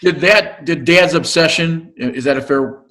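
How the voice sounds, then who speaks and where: A man's voice: fairly high pitch, a little slow, pushed and bright. Rambling man interview host. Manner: rambling questions with fillers and restarts.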